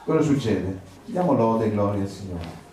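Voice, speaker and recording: A man's voice: animated, normal speed, noisy background. Man preaching in an echoey room. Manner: rises to loud, high preaching bursts. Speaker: pastor. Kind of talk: sermon. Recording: echoey room, faint ambience.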